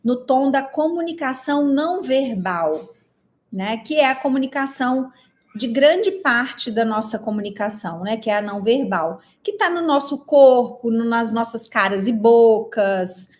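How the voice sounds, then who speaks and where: A woman instructor, Brazilian Portuguese accent, runs an online class in an expressive way, posing lots of questions and reading the chat's answers aloud. Her pitch is fairly high and her pace a little slow.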